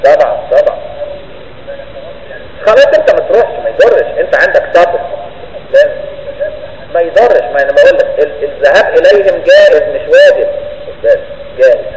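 Speaking briskly with lively intonation and long pauses, a man with a fairly high pitch and an Egyptian Arabic accent delivers a casual religious lesson. He keeps asking whether his audience understood, in a conversational way. The audio is low quality, reverberant with a long tail and slight background noise.

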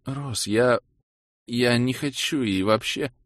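A man's voice: medium pitch, takes it slowly, no room sound, studio quality, voice pushed up, natural voice. A man doing a whiny, hungover young woman. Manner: whiny, soft complaining. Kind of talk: audiobook character voice.

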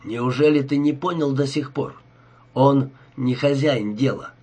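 A man's voice: medium pitch, measured pace, a little mellow, natural voice. A man voicing a cold, scheming male crook who talks with sneering irony, in an audiobook reading. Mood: scornful. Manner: sneering, ironic.

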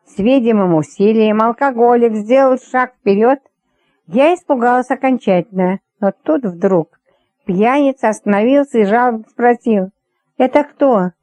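A woman narrating an audiobook in the first person with wry, brisk storytelling. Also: fairly high pitch, mellow, no echo.

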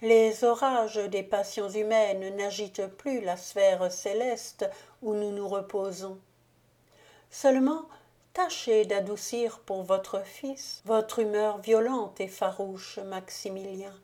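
A woman's voice: medium pitch, steady tone, slow pace, natural voice. A woman voicing a solemn ghostly countess. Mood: solemn, hushed. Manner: grave, solemn, hushed. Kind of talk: audiobook reading.

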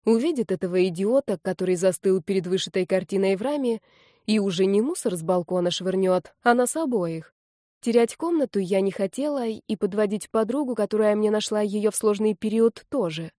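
A woman reading an audiobook in the first person, with a lively, expressive delivery. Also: mid-range voice, fairly quick, dry recording, studio quality. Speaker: audiobook narrator.

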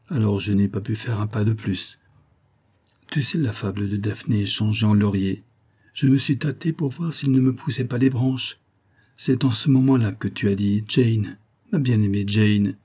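A man voicing a shy, tender young girl in love in a storybook reading, speaking softly and breathlessly. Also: medium pitch, breathy edge, close to an everyday voice.

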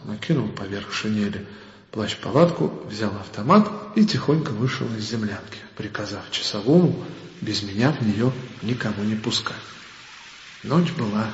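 A man playing an army lieutenant, recounting his war story in measured, expressive first-person narration. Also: on the low side. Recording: dull echoey hall, faint ambient noise.

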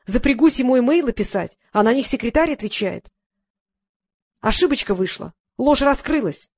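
A furious thirteen-year-old girl hurls accusations and mockery at her mother, as a woman reads her part. Her tone is sharp and contemptuous, a storybook figure. The recording is close and dry. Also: a little high, expressive, normal speed, no room sound, voice pushed up. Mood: mocking. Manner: accusing, mocking.

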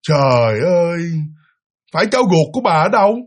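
A man voicing an old male ghost who asks loudly and pleadingly. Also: sits high, sing-song, brisk. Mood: questioning loudly.

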